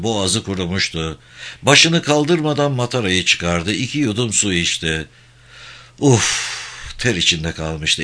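Brief: male audiobook narrator, steady delivery, forceful bright tone. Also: lowish voice. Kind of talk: scripted narration of a war novel.

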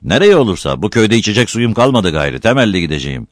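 A proud, sullen young villager answers in short, defiant bursts, as a man voices him for an audiobook. His voice is lively in pitch. The sound is dry and close. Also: fast, no room sound. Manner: curt, defiant.

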